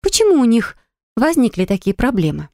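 A woman's voice: on the high side, huge pitch swings, a little fast, mellow, dry recording, studio quality, pitched above the performer's own voice. A woman voicing a spoilt, indignant young woman in acted audiobook dialogue. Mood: displeased. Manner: indignant, pouty. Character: spoilt, haughty blonde young woman cabin-mate.

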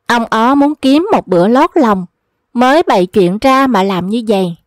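A woman reads humorous folk tales aloud, steady and even. Her voice sits fairly high. The recording is dry and close, with no room sound. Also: dry recording. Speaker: storyteller.

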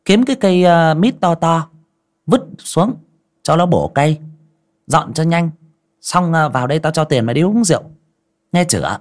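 A man's voice: on the high side, lively intonation, moderate pace, long pauses, voice pushed up, close to an everyday voice. A man voicing a fat, cruel landlord's wife, who screeches and scolds shrilly. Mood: bossy callous.

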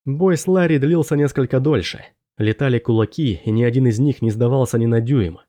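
A man narrating a first-person fantasy audiobook in a measured, steady storytelling manner. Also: medium pitch.

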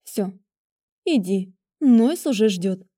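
A woman's voice: mid-range voice, lively intonation, slow pace, mellow. A woman voicing a stern, bossy female witch who grumbles and gives strict orders in an audiobook. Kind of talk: audiobook character voice.

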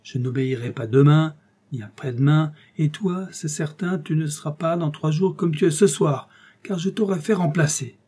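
A man voicing a stern, commanding general in an audiobook, barking orders loudly and emphatically. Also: a little high, normal speed, slightly rough, pitched above the performer's own voice. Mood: triumphant. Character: stern commanding male general, gruff and mocking. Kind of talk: audiobook character voice.

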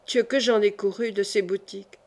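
Audiobook narrator, woman, measured expressive delivery, mid-pitched. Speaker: audiobook reader. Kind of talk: first-person novel narration.

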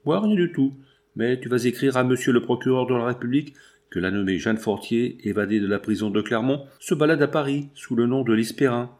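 A man's voice: medium pitch, darkish tone, lightly acted. A man reading as a cold, breezy accomplice. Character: cynical, cold-blooded middle-aged male accomplice.

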